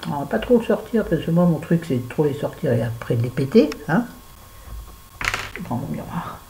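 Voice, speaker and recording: Chatty French woman with a dark voice. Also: deep voice, sing-song, normal speed, creaky, slight background noise, low-quality recording. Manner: chatty, talks to herself while working. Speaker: beauty vlogger. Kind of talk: casual make-up tutorial chat.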